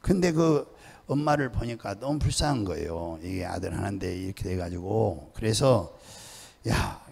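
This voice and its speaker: A man's voice: fairly low pitch, expressive, moderate pace, vocal fry, slightly rough, in a large hall. An older man, a pastor emeritus, preaching a sermon and telling stories, acting out the voices of people in them. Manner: storytelling, acting out pleading and shouting voices. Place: church sanctuary.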